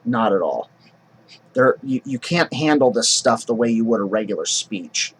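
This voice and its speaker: A man's voice: on the low side, expressive, normal speed, a little hiss or hum, rough recording. A drama teacher explaining how to speak verse, casual and explanatory, often restarting his sentences. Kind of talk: acting lesson.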